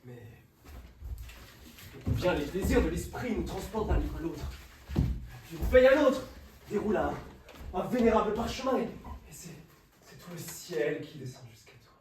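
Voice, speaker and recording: An actor playing an eager, deferential, bookish assistant in a hammy, declamatory stage style. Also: male voice, high voice, sing-song, moderate pace, long pauses. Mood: rapturous, wistful. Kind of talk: theatrical stage acting. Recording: roomy, distant stage recording with faint noise.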